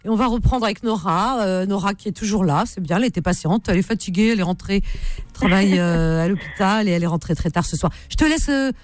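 A woman's voice: medium pitch, fast, no room sound. Woman hosting a dry-sounding radio phone-in. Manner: frequent short interjections and affectionate terms to callers. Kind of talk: casual conversational radio hosting.

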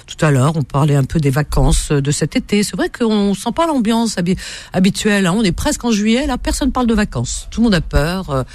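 A woman's voice: medium pitch, very animated, brisk, darkish tone. A woman hosting a late-night radio call-in show, chatting with callers in a soothing, agreeable way. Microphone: studio microphone.

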